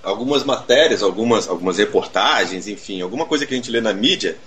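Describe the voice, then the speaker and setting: A man's voice: lowish voice, expressive, fast, fairly bright tone, a little hiss or hum. A Brazilian man co-interviewing, asking questions with dry, sarcastic remarks. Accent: Brazilian Portuguese.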